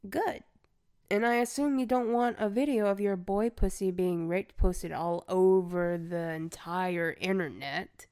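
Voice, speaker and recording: A slow, deliberate taunting voice with a gravelly fry, close and dry on the mic, as a woman plays a vengeful former student. She sighs often and sinks into hushed whispers. The manner is domineering and relentless. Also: fairly low pitch, no room sound. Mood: menacing.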